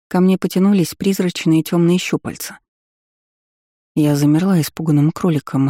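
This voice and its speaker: A man's voice: on the high side, mellow, no echo, studio quality. Man narrating a fantasy audiobook. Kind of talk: scripted first-person narration.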